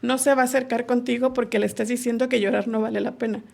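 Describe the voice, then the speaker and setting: Gravelly-voiced woman explaining patiently. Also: fairly high pitch, fairly even intonation, quick pace, darkish tone. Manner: explains patiently, acting out little quoted dialogues. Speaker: podcast guest on sexual education. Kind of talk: casual explanatory conversation.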